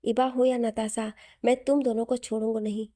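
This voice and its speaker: Brief: tender, protective young husband, read by a woman, soft coaxing voice, slightly high and mellow. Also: little pitch movement, normal speed, no room sound, studio quality, close to an everyday voice. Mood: angry. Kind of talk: audio story reading.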